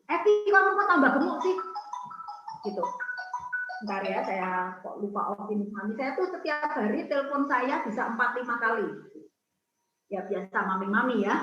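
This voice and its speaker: High-voiced woman telling stories over an echoey call. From Indonesia. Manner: lively storyteller acting out quoted voices. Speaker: speaker at a prayer community's Zoom talk. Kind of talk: storytelling talk to women's prayer group. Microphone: video call. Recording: echoey, dull video-call audio.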